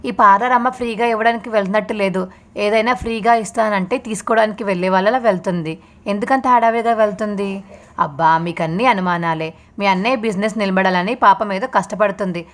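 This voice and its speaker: A woman's voice: medium pitch, a little fast. A woman vlogger recapping a TV serial in a plain storytelling manner. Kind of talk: casual episode recap narration.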